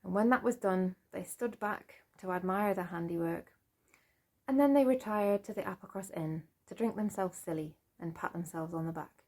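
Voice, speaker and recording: A woman storyteller telling a folk tale in a lively way, with chatty asides. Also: lowish voice, moderate pace.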